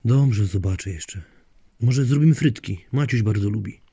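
A man's voice: fairly low pitch, normal speed, warm tone, husky, no echo, clean studio sound. A man voicing a busy adult daughter in an audiobook story, talking curtly to her mother.

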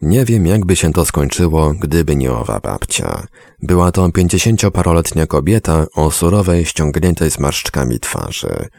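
A man narrating a story in a measured, somber audiobook reading. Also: a bass voice, very animated, vocal fry, a little mellow, dry recording.

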